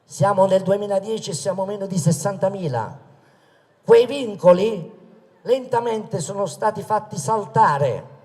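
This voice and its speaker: A man's voice: high voice, darkish tone. A man giving an emphatic, indignant political rally speech in a public square. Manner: emphatic, indignant, rhetorical questions and repetitions. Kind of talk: impassioned political stump speech. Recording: long reverb of public-address sound in square.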